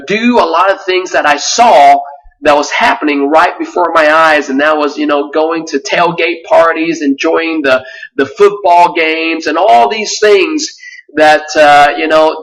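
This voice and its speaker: Bright-voiced man pitching a webinar, mic distant. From Vietnam. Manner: earnest, with frequent fillers and restarts. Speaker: webinar presenter.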